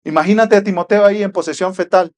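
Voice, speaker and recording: A male pastor preaches emphatically in a high, steady voice at a fast pace. He repeats rhetorical questions and swings between loud passages and hushed ones.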